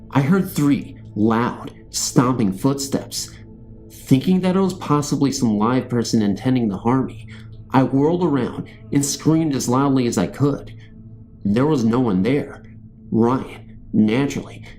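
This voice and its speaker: Over faint background music, a man tells true ghost stories in the first person from a script. His voice is dark and mellow, pitched in the middle range.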